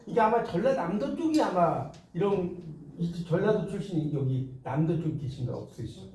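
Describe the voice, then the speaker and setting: High-voiced man lecturing a class. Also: normal speed, slight background noise. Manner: lively, chatty, asks the class questions. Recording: roomy classroom sound, mic far off.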